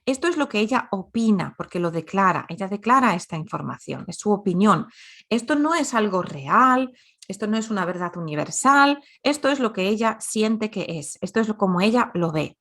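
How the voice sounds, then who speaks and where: A woman's voice: mid-range voice, expressive, a bit bright. Woman teaching grammar with patient examples. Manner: explains slowly with repeated example sentences. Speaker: Spanish teacher. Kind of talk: grammar lesson.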